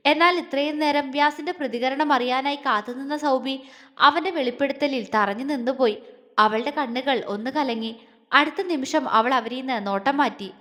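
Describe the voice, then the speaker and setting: A woman's voice: high voice, normal speed, bright, forceful tone. A woman storyteller reading a romantic audio series in a dramatic, emotive way. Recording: long hall reverb.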